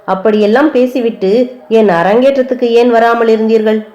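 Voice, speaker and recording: A woman's voice: on the high side, fairly quick, muffled recording, lightly acted. A woman voicing a proud young dancer, hurt and reproachful, in an audiobook. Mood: indignant. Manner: sharp, reproachful speech.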